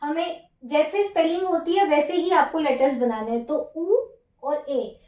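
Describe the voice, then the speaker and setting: A Japanese teacher with a high, mellow, unhurried voice leads a writing lesson one stroke at a time. She counts each stroke aloud and patiently repeats every step, and the recording is dull and echoey, as if made in a small room at home.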